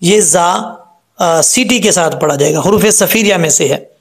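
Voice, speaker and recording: Slow, high-voiced man teaching recitation. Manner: patient, explains step by step, sings out verses slowly. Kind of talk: tajweed lesson with recitation.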